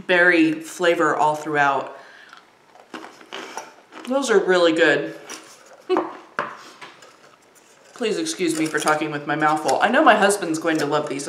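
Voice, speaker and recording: A woman chatting casually while reviewing and tasting snacks, with lots of ums. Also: mid-range voice. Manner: chatty, warm, frequent ums. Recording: roomy echo.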